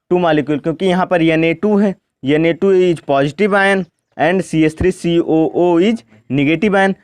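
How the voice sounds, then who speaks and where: A man teaching chemistry at a board, speaking slowly and asking questions he then answers himself. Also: fairly high pitch, a little mellow, no echo. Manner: asks questions and answers them himself, repeats "ठीक ना". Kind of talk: board lesson, step by step.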